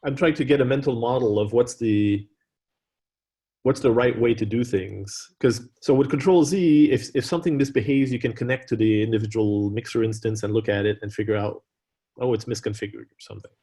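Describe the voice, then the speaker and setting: A man's voice: mid-range voice, brisk, mellow. A man on an engineering meeting call works through the details by asking questions. He pushes back and sounds a little exasperated. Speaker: engineer in a working group. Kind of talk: technical working-group call. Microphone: online meeting call.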